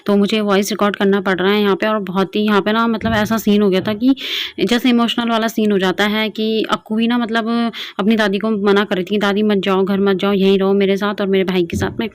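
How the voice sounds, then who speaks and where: A young woman from Garhwal in the hills of northern India, chatting through a home vlog with lots of fillers. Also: medium pitch. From Garhwal, Uttarakhand. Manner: chatty, rambling, many fillers. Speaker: vlogger. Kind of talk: casual vlog narration. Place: home kitchen.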